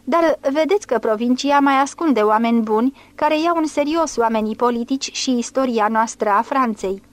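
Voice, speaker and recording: A woman reading the part of a worldly gentleman who speaks in a measured, dismissive way. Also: on the high side, lightly acted.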